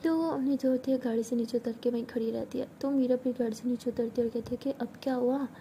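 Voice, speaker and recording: High-voiced woman telling a story. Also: steady tone, quick pace, warm tone, slight background noise. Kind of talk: spoken story narration.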